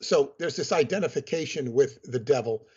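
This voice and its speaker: A man, a guest author on a podcast, explaining at length in a measured, lecturing way over a remote call. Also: medium pitch, slightly rough, highs cut off.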